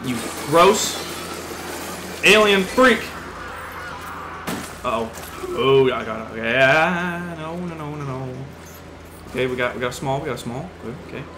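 A man doing let's play commentary on a horror game, excitable and jumpy, swearing often. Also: mid-range voice, moderate pace. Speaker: gaming video host. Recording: roomy with steady background noise.

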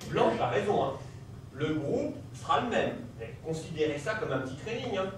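A man's voice: on the high side, big pitch swings, moderate pace, slight background noise. An actor playing a teasing, chatty man on an amateur stage, recorded from far off in an echoey hall. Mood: joking. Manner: teasing, chatty, laughs easily. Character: jovial, blunt middle-aged man in a therapy waiting room. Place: theatre stage.

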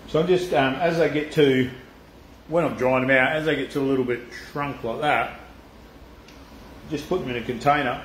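A man's voice: medium pitch, steady tone, moderate pace, pauses often, fairly bright tone, slight background noise. An Australian man hosts a casual live cooking stream with a mid-range voice. His talk is loose and chatty, full of swearing and laughter. The sound bounces around an echoey room. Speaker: cooking channel host.

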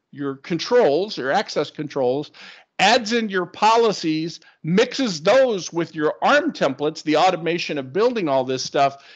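A man presenting a screen-share tech webinar, explaining in an enthusiastic, conversational way. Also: a little high. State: hiccups. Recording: dull lo-fi webinar audio.

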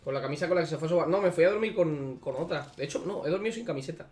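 A young man streams a gacha game, cursing, muttering low and then shouting his pleas. His voice sits a bit high and rings around an echoey room, with faint music playing behind him. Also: expressive, very fast. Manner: swearing, pleading, swings between muttering and shouting.

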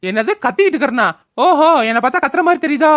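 A woman's voice: sits high, lively intonation, rapid-fire, voice pushed down. Woman doing a drunken bellowing son. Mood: taunting. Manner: bellowing, taunting. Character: drunken grown son, loud, quarrelsome. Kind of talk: cartoon voice acting.

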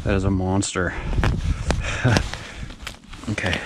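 A fishing vlogger in his forties gives casual running commentary while ice fishing outdoors on a frozen pond, his low voice moving slowly until it jumps up with excitement when fish bite. He is recorded on a body-worn action camera, and loud wind noise hits the mic.

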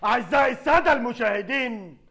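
High-voiced, fast, mocking man. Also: gravelly. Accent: Egyptian Arabic. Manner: loud, sarcastic, laughing while talking. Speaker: comedy commentator reacting to clips. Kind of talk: mocking comedic commentary.

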